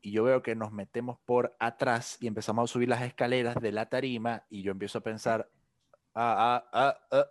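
A young man with a Venezuelan accent telling a relaxed anecdote in casual chat, acting out the voices of others. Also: mid-range voice, a little fast, few pauses, dry recording, studio quality. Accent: Venezuelan Spanish. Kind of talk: casual storytelling.

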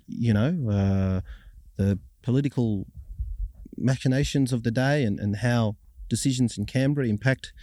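Aussie guy in his 30s, mellow dark voice, measured interview answers, very dry sound. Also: fairly low pitch, no echo. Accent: Australian. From Australia. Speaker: journalist and broadcaster.

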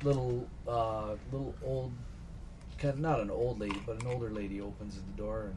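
A man's voice: on the low side, steady tone, normal speed, noisy background. A man narrating as game master, improvising loosely with fillers. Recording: background music.

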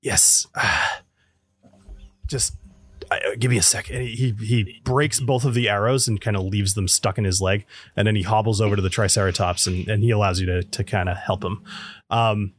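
A man's voice: lowish voice, steady tone, a little fast, no room sound. A man narrating as game master in an informal, conversational way during a tabletop game.

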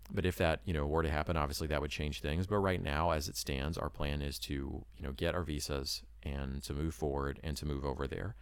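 A man's voice: rumbling low, clean tone, no room sound, clean studio sound. A man talking casually with his wife about moving abroad as a missionary, rambling and earnest, full of hedges and "you know.". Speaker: missionary preparing to move abroad. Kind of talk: casual talk to camera.

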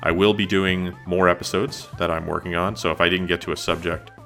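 Middle-aged man, podcast host, low pitch, forward bright tone, conversational measured narration. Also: little pitch movement, faint music behind. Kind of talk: solo retro film podcast narration.

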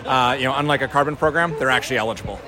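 Male company rep, North Dakota accent, rapid explanatory interview delivery, busy crowd and vehicle noise outdoors. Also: medium pitch. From North Dakota, USA. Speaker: company representative being interviewed. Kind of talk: conversational pitch in an interview. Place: outdoors at a busy farm trade show.

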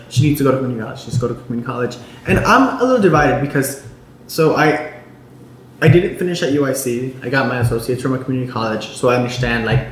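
A young man from Chicago talking casually as an interview guest, telling stories with lots of fillers and quoted dialogue. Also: mid-range voice. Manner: chatty storyteller, many fillers and quoted dialogue. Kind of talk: casual chat. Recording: echoey room with faint noise.

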